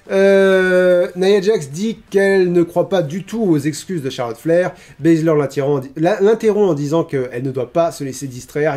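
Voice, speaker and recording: Chatty man recapping wrestling, mellow tone. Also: fairly high pitch. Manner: hesitant, many restarts, chatty. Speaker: streamer reviewing wrestling. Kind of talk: casual recap commentary. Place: home streaming setup. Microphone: streaming microphone.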